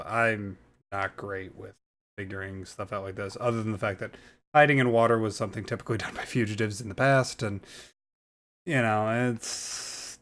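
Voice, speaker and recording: A young man with a slightly low voice talks through his reactions in a loose, rambling way. He hesitates often and fills the gaps with ums and uhs. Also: a bit bright. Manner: rambling, hesitant, many fillers. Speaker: YouTuber reacting to a trailer. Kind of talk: casual reaction commentary.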